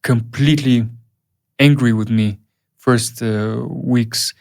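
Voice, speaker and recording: Halting man. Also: mid-range voice, fairly even intonation, vocal fry, darkish tone. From Uyghur region, Central Asia. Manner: halting, many fillers and restarts. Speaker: film director guest. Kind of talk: casual interview storytelling.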